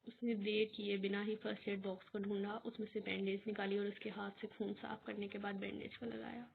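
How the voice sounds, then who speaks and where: Brief: female audiobook narrator, steady and even-toned, phone-thin recording. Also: medium pitch, vocal fry. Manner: steady storytelling. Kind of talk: reading an Urdu novel aloud. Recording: tinny phone-like recording with faint hiss.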